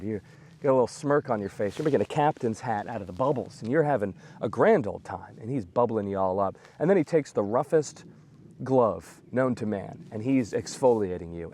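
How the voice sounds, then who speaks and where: An American man, a comedian, telling a comic story in a chatty, self-mocking, animated way. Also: medium pitch. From United States.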